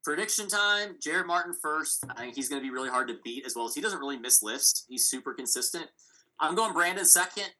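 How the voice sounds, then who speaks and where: A man's voice: on the high side, lively intonation, fairly quick, bright, forceful tone, low-quality recording. A man co-hosting a casual sports chat podcast, thinking aloud through rambling analysis and predictions. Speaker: podcast co-host.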